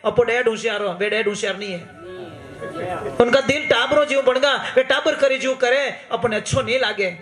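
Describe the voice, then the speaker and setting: A man's voice: very high voice, normal speed, a bit bright, soft background music. A man telling a devotional story in a sermon, earnest and coaxing, addressing listeners directly. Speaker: preacher. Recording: echoey roomy hall.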